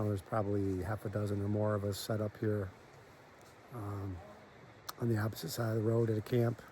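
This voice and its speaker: A man's voice: lowish voice, mellow, a little hiss or hum. A man talking casually outdoors for a hiking vlog. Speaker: hiker vlogger. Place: outdoors on a hiking trail or campsite.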